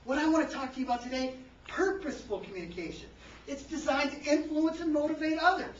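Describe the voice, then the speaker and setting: A high-pitched man runs a lively seminar, firing questions at the room and punching certain words louder for emphasis. He is recorded from across an echoing hall. The sound is muffled and a little dull. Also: fast talker, distant mic, slight background noise. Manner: quizzes the audience, tags lines with "right?"; energetic, varies loudness for emphasis. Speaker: seminar presenter. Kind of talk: interactive workshop lecture.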